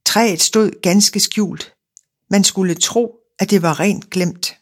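A woman narrating a fairy tale in a calm, measured reading. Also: mid-range voice.

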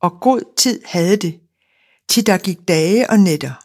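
A woman narrating a fairy tale in a calm, measured reading. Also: lowish voice.

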